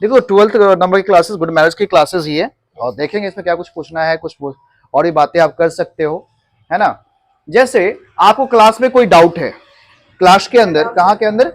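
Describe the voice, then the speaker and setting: Male coaching teacher in a classroom, quizzing and correcting his pupils in steady call-and-response drills. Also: sits high, a little fast. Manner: repeats and corrects words patiently. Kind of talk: classroom lesson in mixed Hindi and English. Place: classroom with a board.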